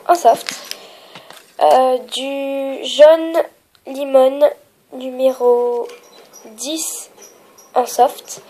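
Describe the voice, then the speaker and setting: A young woman with a stuffy nose from a cold, explaining a craft tutorial at home with many fillers and soft, trailing phrases. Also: high voice, slight background noise, rough recording. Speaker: polymer clay tutorial maker.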